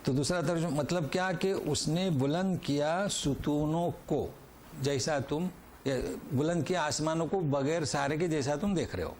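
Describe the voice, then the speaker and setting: Male Quran teacher, patient explainer, slow recitation, faint room hiss. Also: a little high, darkish tone. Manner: explains verse by verse, recites Arabic slowly then translates; asks and answers his own questions. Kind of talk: Quran lesson with commentary. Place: lecture hall.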